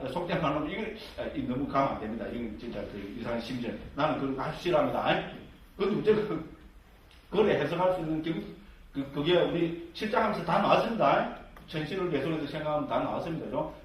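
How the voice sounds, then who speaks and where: A man teaching Buddhist scripture to lay believers, constantly checking in with tag questions and rhetorical questions and slipping in jokey asides. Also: fairly high pitch. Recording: very echoey hall, mic far off.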